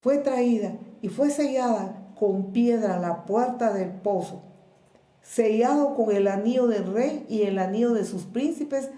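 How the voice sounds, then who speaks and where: A woman pastor with a Guatemalan Spanish accent, preaching a sermon in a slow, measured way with pauses and repeated words. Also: a little high, mellow, roomy sound. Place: church.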